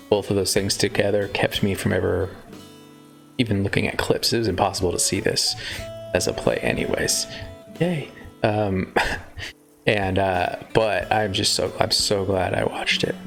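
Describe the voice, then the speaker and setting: A man's voice: on the low side, unhurried, gravelly, fairly bright tone. A man chatting casually on a live stream, rambling and breaking off mid-sentence to joke. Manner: chatty, rambling, self-interrupting. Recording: faint guitar music behind.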